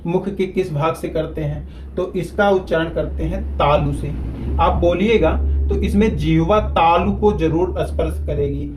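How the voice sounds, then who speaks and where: A man teaching a grammar lesson at a whiteboard, repeating key terms slowly so students can follow. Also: on the high side, a little mellow, a little hiss or hum, rough recording.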